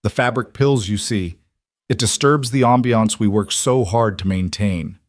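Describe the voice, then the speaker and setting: A man voicing a snobbish, condescending male restaurant host in a pompous, drawn-out manner. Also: fairly low pitch, dry recording, studio quality. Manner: pompous, drawn-out sneering delivery.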